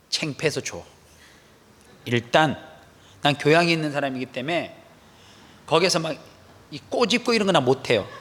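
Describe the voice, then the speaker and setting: A man preaching an animated sermon as a pastor, acting out quoted voices with sudden loud outbursts. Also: on the high side. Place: church sanctuary. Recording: long echo of a large hall.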